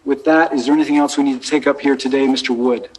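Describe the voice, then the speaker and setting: A man with an American accent speaking as a judge, giving a measured, deliberate formal ruling from the bench. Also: medium pitch, fairly even intonation, a little mellow, low-quality recording. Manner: measured, deliberate, procedural phrasing. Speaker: judge presiding over a court hearing. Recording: courtroom recording with background noise.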